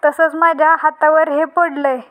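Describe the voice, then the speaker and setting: An angry father who scolds his daughter, read out by a woman. The voice is high-pitched and monotone. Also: normal speed.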